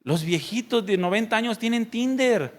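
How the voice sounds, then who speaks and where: Mexican pastor preaching, fairly high voice. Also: male voice, expressive, moderate pace. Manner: conversational preaching with questions to the congregation; mimics voices playfully. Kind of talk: sermon.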